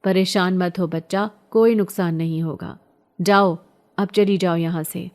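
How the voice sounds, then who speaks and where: A woman's voice: on the low side, steady tone, darkish tone, close to an everyday voice. Cryptic old holy man, read by a woman. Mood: stern. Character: older male holy man, cryptic and commanding.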